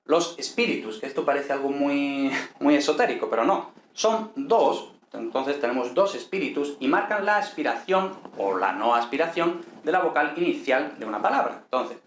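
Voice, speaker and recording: A man, explaining a language lesson at an unhurried pace, with many checking questions and fillers. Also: mid-range voice, expressive. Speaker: teacher. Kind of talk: explaining ancient Greek lesson. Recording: echoey room with faint noise.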